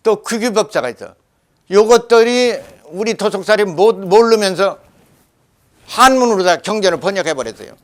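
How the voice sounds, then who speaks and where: An older man lecturing forcefully in a Jeolla dialect, scolding and rambling. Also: high voice, expressive, moderate pace. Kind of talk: animated lecture.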